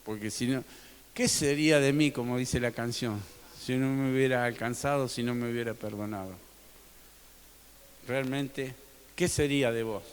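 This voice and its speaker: A man preaching a sermon as pastor, swinging between loud emphatic peaks and soft, low drops. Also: normal speed, pauses often. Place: church sanctuary. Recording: long reverb of a church hall.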